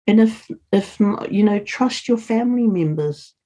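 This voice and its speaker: Warm and unhurried, with lively intonation in a medium-pitched voice, this woman is a community leader appearing as a podcast guest. She speaks English as a second language, chatting in a casual interview with an earnest, encouraging manner.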